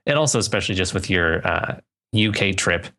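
A young man with a very deep voice co-hosts a casual podcast. He rambles loosely and often circles back to restart his thoughts. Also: expressive, brisk, bright, forceful tone. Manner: rambling, self-correcting, loose. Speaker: podcast co-host.

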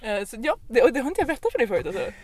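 Chatty woman telling an anecdote. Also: a little high. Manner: lively, chatty, with many fillers and restarts. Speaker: podcast host. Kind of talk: casual anecdote storytelling. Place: podcast recording.

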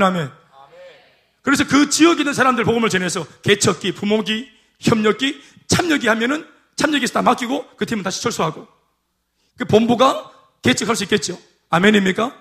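A male pastor preaches in a church, his voice pitched high for a man. He keeps drawing amens and hallelujahs from the congregation. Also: creaky, fairly bright tone. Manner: call-and-response preaching, repeated amens and hallelujahs. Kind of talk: sermon. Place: church sanctuary.

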